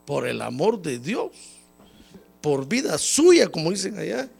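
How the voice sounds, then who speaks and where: Gravelly, lively-pitched preacher with a cold. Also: male voice, measured pace, faint music behind. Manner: folksy, repeatedly calls listeners "hermano"; acts out quoted voices, rising high when emphatic. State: has a cold. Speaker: pastor. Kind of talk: sermon. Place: church service.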